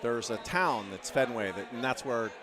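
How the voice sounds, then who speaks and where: A man doing casual color commentary at an axe-throwing event, telling rambling stories in a relaxed way. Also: medium pitch, normal speed, a loud crowd. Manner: rambling, laid-back storytelling with laughs. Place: on a platform at the event venue.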